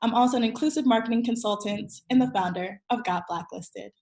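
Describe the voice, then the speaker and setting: A woman's voice: on the high side, a little fast, darkish tone. An American woman in her twenties from Virginia, hosting an interview with earnest, upbeat introductions and questions. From Virginia, USA. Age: 20s. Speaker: host. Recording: roomy echo.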